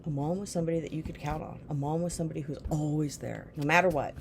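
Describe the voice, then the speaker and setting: A woman's voice: deep voice, quick pace, creaky, a little hiss or hum. A woman, casually telling a personal life story in a rambling, reflective way. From Newton, Iowa, USA. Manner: rambling, reflective, often drifting back with "anyway". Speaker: storyteller recounting her life.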